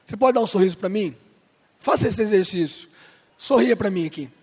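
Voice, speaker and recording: A man's voice: high-pitched, animated, fairly quick, a little mellow, husky. A man preaching a sermon as pastor, joking with and directly addressing the congregation at a church service. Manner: playful, jokes with and addresses the congregation. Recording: long hall reverb.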